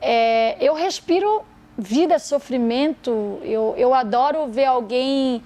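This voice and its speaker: A high-voiced woman. She is a therapist speaking as a podcast guest, expressive and emphatic, building her points through stories. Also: slow pace. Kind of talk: podcast conversation.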